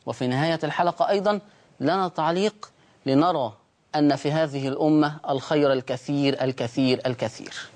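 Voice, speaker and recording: Egyptian man teaching Quran recitation slowly. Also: fairly high pitch, a little mellow. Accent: Egyptian Arabic. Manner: slow, deliberate, drawn-out example words, rhetorical questions to students. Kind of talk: televised religious lesson.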